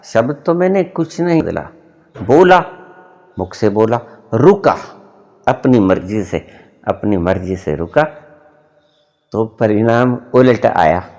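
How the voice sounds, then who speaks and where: A middle-aged man preaches in an unhurried, deliberate way. His pitch rises and falls over a wide span as he stresses key words. It has the measured pacing of a spiritual discourse. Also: lively intonation, a little mellow, dull audio. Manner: slow, deliberate, rising and dropping sharply for emphasis. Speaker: spiritual teacher.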